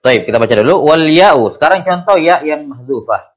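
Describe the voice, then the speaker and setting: A man teaching Arabic grammar from a classical text. He reads the Arabic passages slowly, then explains them quickly in Indonesian, asking questions and answering them himself. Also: fairly high pitch, lively intonation. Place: study class.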